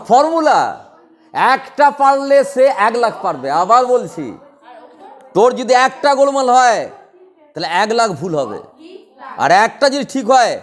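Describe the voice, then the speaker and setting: A man teaching a class, drilling students with quick repeated questions. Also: very high-pitched. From West Bengal. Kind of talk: classroom lecture.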